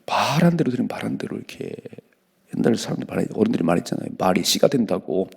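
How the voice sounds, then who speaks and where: A male pastor giving an early-morning sermon in a church, reading scripture slowly and loudly, then speaking plainly to the congregation. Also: lowish voice, very animated, vocal fry, slightly rough. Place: church sanctuary.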